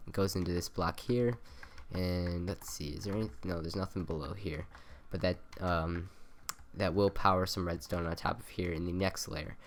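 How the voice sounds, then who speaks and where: A young man with a nasal, low-pitched voice rambles through a casual game tutorial voice-over, full of ums and self-corrections. His intonation is fairly even and his pace moderate. A cheap USB desk mic beside his keyboard adds a little hiss or hum.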